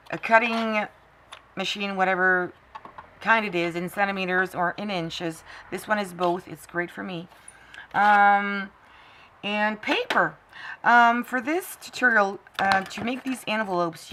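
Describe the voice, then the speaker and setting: Bright-voiced French woman teaching crafts. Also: medium pitch, slight background noise. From France. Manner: chatty, rambling with many fillers. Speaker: crafting tutorial host. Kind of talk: casual craft tutorial.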